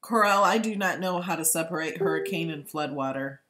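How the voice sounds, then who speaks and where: A woman's voice: on the low side, fairly quick, fairly bright tone, slight background noise. Woman chatting casually on a live stream. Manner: chatty, informal, thinking aloud. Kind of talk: casual live-stream chat, replying to viewer comments.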